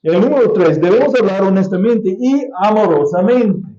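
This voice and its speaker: Speaking Spanish, an American pastor delivers a sermon in a church sanctuary with deliberate pacing, repeated key phrases and occasional restarts. His high male voice is animated yet mellow, and the church acoustics make the recording echoey and slightly dull.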